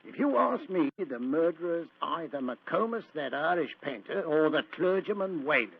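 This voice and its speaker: An actor playing a dogged, plain-spoken, baffled police inspector in an old-time radio drama. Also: male voice, fairly high pitch, lively intonation, normal speed, creaky, husky, exaggerated voice. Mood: insistent. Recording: dull, lo-fi old radio recording.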